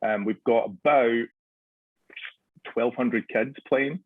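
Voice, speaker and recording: A man's voice: mid-range voice, slow, no room sound. Scottish man on a tinny phone line. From Scotland. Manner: hesitant, many restarts and fillers. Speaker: soccer club technical director. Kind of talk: radio interview.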